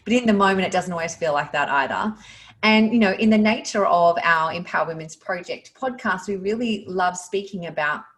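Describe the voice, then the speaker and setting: Encouraging woman hosting a podcast. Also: on the low side. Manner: warm, encouraging, affirming. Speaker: podcast host. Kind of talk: podcast intro and interview.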